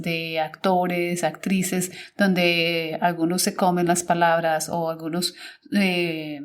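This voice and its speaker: A woman teacher hosting a podcast, talking casually and thinking aloud, often correcting herself and searching for words. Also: fairly low pitch. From Colombia.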